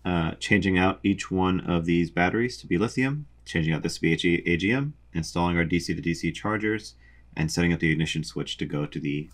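A young man calmly explains a boat's electrical wiring while drawing a diagram, methodical, with frequent ums. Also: low-pitched, a little fast. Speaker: sailing vlogger explaining a boat electrical system.

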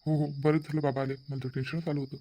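A man voicing a gentle young husband in a cartoon, softly pleading with his mother. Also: a little high, little pitch movement, fast talker, close to an everyday voice. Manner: soft and pleading. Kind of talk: cartoon voice acting.

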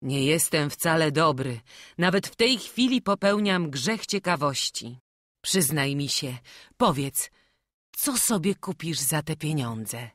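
A woman voicing a frail, kindly young prince who speaks softly in old courtly phrases, in an audiobook. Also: low voice, lively intonation, takes it slowly, dry recording, studio quality, full character voice. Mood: gentle. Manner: soft, kindly, old-fashioned courtly speech.

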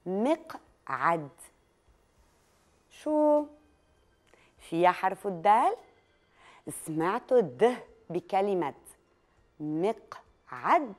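A woman with a Lebanese Arabic accent, teaching children the letter dal through a clapping game and drawing out each test word slowly. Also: mid-range voice. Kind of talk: children's lesson, leading a listening game.

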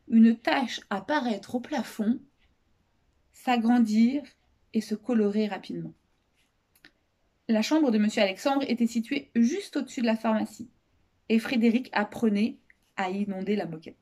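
A woman reading a children's novel aloud as a storyteller, expressive and lively, raising her voice for the characters' shouted lines. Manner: expressive, raises pitch for shouted quotes.

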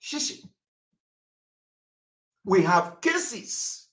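A man's voice: high voice, very animated, drawn-out words, a bit bright, roomy sound. A Nigerian man hosting a political livestream, hammering home key words over and over. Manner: emphatic and repetitive, heavy stress on key words. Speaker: livestream host.

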